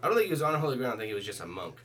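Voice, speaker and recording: A woman's voice: a bass voice, very animated, very fast, a bit bright, soft background music. A woman hosting a podcast, chatting casually and teasing her co-hosts in a wry way. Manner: wry, teasing, laughs often. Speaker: podcast host. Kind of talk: casual chat while watching a show.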